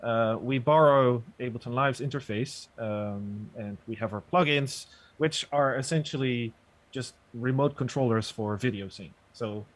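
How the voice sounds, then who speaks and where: Relaxed hesitant male guest demoing. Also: mid-range voice, measured pace. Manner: relaxed, hesitant, many uhs. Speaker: guest software developer and producer. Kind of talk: casual explanation and demo. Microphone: video call, sits back from mic.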